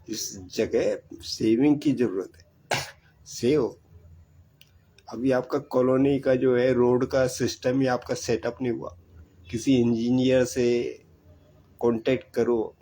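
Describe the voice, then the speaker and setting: A man's voice: medium pitch, mellow, slightly rough, poor audio. An older man giving earnest, repetitive advice about saving money. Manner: preachy, repetitive, exhorting. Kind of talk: earnest monologue.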